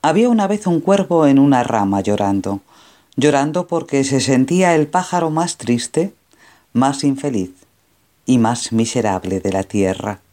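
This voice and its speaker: A man narrating a fable as a storyteller, in a calm, measured way. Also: mid-range voice.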